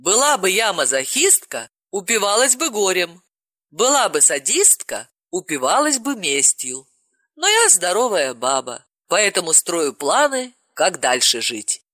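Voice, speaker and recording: A woman's voice: fairly low pitch, big pitch swings, unhurried, pushed and bright, no echo, full character voice. A woman voicing a wry, resilient heroine who speaks matter-of-factly with dry humor in an audiobook.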